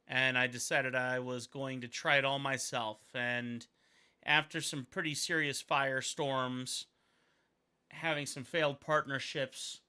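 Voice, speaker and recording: Here the Montana artist, a man in his thirties who does caricatures and video work, sketches on a livestream while casually thinking aloud in an upbeat, rambling way. His voice is medium in pitch, smooth, and sharp in tone.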